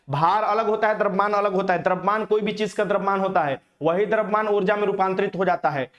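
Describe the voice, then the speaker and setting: Man with high voice, exam coaching teacher, teasing, repeats questions. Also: lo-fi sound. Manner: teasing, repeats questions, mixes in English words. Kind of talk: live online quiz lesson.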